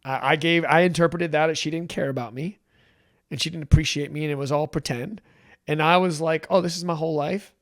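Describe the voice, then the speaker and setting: Gravelly man telling a candid story. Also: a little high, brisk. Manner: animated, emotional, many restarts and acted quotes. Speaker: podcast guest.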